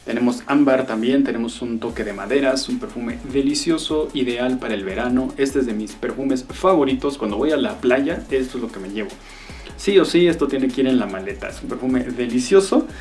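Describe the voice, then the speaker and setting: A man talks through a perfume review with plenty of relish, breaking into savoring sighs and exclamations. His voice sits at an ordinary middle pitch, and faint music plays behind him. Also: brisk, darkish tone. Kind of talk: casual review vlog.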